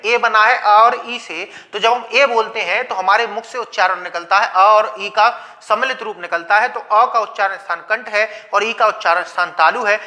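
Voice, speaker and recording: A man teaching a Hindi grammar lesson on video. He explains slowly and patiently, repeats key points, and asks the class questions that he then answers himself. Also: sits high, bright, forceful tone. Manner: slow, patient explaining with repetition. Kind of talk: video lecture.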